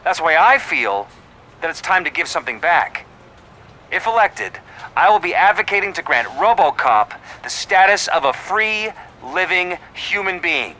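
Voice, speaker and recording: An actor playing an assured, emphatic politician giving a campaign speech in a video game. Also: male voice, high voice, very animated, normal speed, sharp tone, slight background noise, exaggerated voice, rough recording. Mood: rallying.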